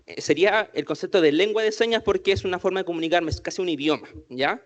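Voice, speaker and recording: A man's voice: sits high, fast talker. A man giving an inclusion workshop to a group, asking the audience many questions as he goes. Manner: asks the audience many questions, says "¿cierto?" often. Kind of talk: interactive talk to a group.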